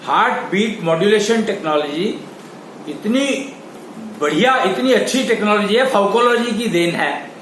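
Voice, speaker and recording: High-voiced man lecturing slowly in echoey room. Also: a bit bright. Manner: slow, halting explanatory delivery with pauses. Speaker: teacher. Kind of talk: spiritual lecture. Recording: echoey room with faint ambient noise.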